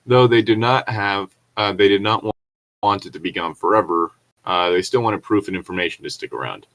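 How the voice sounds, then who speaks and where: A co-host reads online horror stories aloud and reacts with rambling, incredulous, sweary commentary. His voice is lowish, slightly bright, and a little fast, captured in a rough recording.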